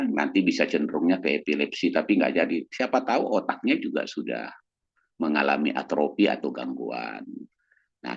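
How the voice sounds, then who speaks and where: A man with a deep, husky voice speaks as a doctor in an easygoing talk, his pitch leaping up and down with real liveliness. He keeps slipping into the raised voices of the people in his examples. The sound is dull and lo-fi. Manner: animated, acts out quoted voices in a raised pitch. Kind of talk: casual church talk on mental health.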